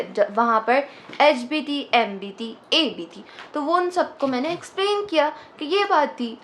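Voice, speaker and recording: A young woman casually telling a personal story, animated and dropping English phrases into her speech. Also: sits high, slight background noise.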